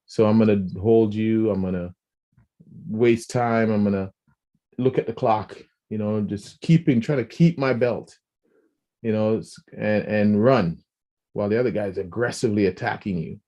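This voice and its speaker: Mellow-voiced man on a podcast. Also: on the low side, normal speed, dull audio. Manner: animated, restarts and repeats words, acts out quoted speech. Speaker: podcast co-host. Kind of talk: casual podcast discussion.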